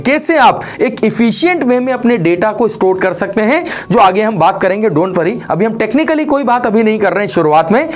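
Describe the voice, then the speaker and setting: Male coding teacher, 40s, pitch jumps all over, hindi-english mix, lots of "right?", faint music behind. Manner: mixes Hindi and English, with frequent rhetorical questions and "right?" check-ins. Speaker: programming instructor. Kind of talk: lecture.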